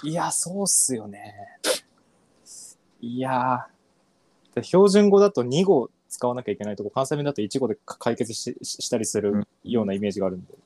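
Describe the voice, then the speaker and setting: A man from northern Kyushu, Japan, co-hosting a podcast in relaxed, chatty conversation, often trailing off and restarting. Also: medium pitch, fairly quick, dry recording. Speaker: podcast co-host. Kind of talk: casual chat.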